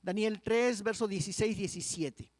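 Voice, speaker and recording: A male pastor preaching a sermon, asking the congregation direct questions and reading scripture slowly and deliberately, with words slipping into his Spanish. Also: high-pitched, dry recording. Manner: mixes Portuguese words into Spanish.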